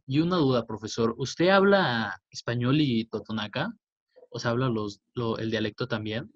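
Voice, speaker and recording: A man's voice: mid-range voice, normal speed, no room sound, dull audio. A man with a Mexican Spanish accent, interviewing a guest in a friendly, storytelling way, often repeating words. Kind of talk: casual interview talk.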